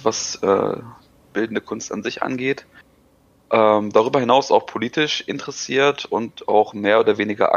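A podcast guest in his thirties gives casual interview answers in a low, gravelly voice, halting and using many filler sounds. The recording is dull and lo-fi, completely dry with no room around it.

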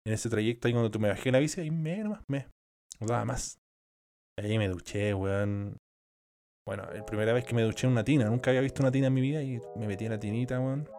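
A man's voice: mid-range voice, fast, warm tone. A young man with a Chilean accent tells a long, rambling anecdote in casual talk. His delivery is crude and loaded with slang and swearing. Faint music plays in the background. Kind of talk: casual storytelling.

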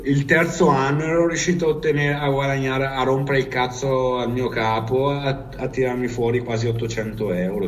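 A man with a northern Italian accent telling stories in casual chat, rambling and slangy, with swearing thrown in. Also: medium pitch. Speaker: storyteller recalling life abroad. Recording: distant mic.

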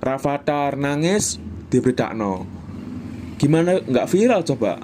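A man's voice: mid-range voice, sing-song, measured pace, a little mellow, slight background noise. A young Indonesian man with a Javanese accent, hosting a casual solo podcast and rambling as he mixes in Javanese and English phrases. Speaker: podcast host.

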